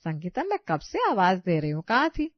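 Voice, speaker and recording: A woman voicing a kind older mother-in-law who scolds fondly and calls out loudly in a cartoon. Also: fairly low pitch, huge pitch swings, a little fast, dry recording, muffled recording. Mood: fussing caring.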